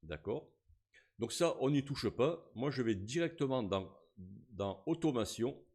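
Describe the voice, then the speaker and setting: A man, casually talking through a software tutorial step by step, with frequent fillers as he clicks. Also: medium pitch, big pitch swings, a little slow, slightly rough. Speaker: tutorial host. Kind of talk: screen-recorded software tutorial.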